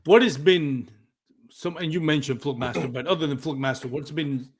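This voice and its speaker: A native Spanish speaker from Puerto Rico, with a Puerto Rican accent, hosts a casual live podcast. He speaks reflectively at a moderate pace in a fairly high-pitched voice, sometimes searching for words.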